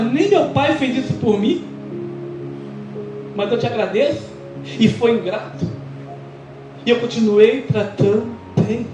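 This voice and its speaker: A Brazilian man, a pastor, preaching and telling his testimony in a church, acting out the dialogue as he goes. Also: very high voice. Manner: animated storytelling, acting out quoted dialogue. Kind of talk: sermon testimony. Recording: echoey church with music behind. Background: music.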